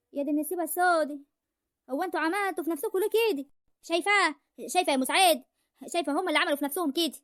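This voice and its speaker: امرأة تؤدي دور حماة ريفية مشاكسة بلهجة ريفية مصرية، تتكلم بسرعة شديدة وبنبرة عالية لاذعة في اسكتش كوميدي. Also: female voice, very high voice, fairly bright tone, no echo, clean studio sound. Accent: rural Egyptian. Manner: scolding, argumentative, fast. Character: sharp-tongued rural mother of the brides. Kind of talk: comic village sketch.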